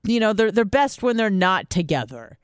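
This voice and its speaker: A woman's voice: medium pitch, big pitch swings, moderate pace, clean tone, no echo, clean studio sound. A woman hosting a podcast in casual chat, rambling and swearing as she gossips about a coworker. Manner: rambling, swearing, gossipy, with mocking put-on voices. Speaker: podcast host.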